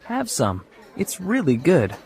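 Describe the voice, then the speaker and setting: A man voicing a friendly young man in a textbook audio dialogue, speaking slowly and clearly. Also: fairly high pitch, huge pitch swings, a little mellow, heavily acted.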